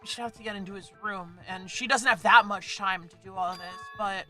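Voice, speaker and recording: A woman's voice: mid-range voice, fairly quick, bright, forceful tone, faint music behind. A woman streaming a video game with casual commentary, sometimes reading dialogue aloud.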